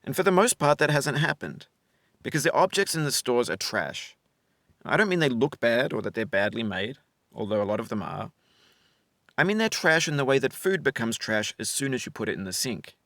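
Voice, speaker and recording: Narrating his own game, a developer reads essay-style reflections in a careful, articulate manner, his mid-range voice moving with lively variation. The audio is completely dry, lacking any sense of room.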